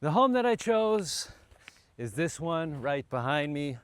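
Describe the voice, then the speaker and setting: A man's voice: a little high, very animated, slow pace, clear, resonant tone. A man vlogging casually outdoors in the hills, talking enthusiastically like a tour guide with some fillers. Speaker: travel and real estate vlogger. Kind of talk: casual travel vlog narration. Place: outdoors in hilly countryside.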